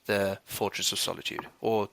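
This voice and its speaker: A man's voice: on the low side, little pitch movement, creaky, fairly bright tone, dry recording. A man co-hosting a movie podcast, chatting casually and rambling with frequent restarts. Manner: rambling, restarts, quick laughs. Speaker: podcast co-host. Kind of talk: casual chat.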